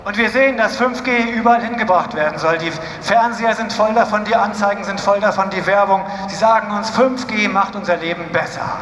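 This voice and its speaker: High-voiced male interpreter at a rally. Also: brisk, few pauses. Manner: translating phrase by phrase, occasionally restarting words. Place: outdoor street demonstration. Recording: echoey outdoor loudspeaker sound with crowd noise.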